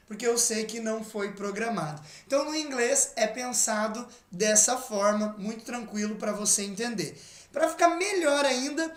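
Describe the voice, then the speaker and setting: Brazilian teacher in an echoey room. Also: male voice, very high-pitched, fairly bright tone. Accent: Brazilian Portuguese. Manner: explains patiently and reads English examples slowly. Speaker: English teacher. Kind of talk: online language lesson.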